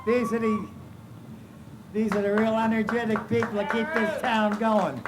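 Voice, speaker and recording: A man's voice: high-pitched, fairly even intonation, normal speed. A man announcing a town parade outdoors in the rain, folksy and hesitant with many fillers. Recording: noisy outdoor community TV recording.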